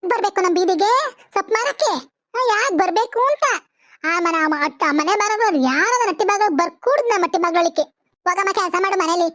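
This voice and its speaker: A woman's voice: very high-pitched, brisk, fairly bright tone, dry recording, clean studio sound. A woman voicing a quarrelsome, foul-mouthed village mother in a cartoon. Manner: abusive, quarrelsome. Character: sharp-tongued older village mother. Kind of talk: cartoon voice acting.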